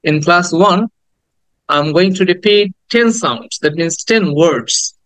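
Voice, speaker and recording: A man with a fairly high, smooth and resonant voice leads a pronunciation lesson, speaking with a Bangladeshi accent. He switches between Bengali and English and says each word again and again for the class to copy. The sound is close and dry, with no room echo. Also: animated, fairly bright tone. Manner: mixes Bengali and English, repeats words slowly for students.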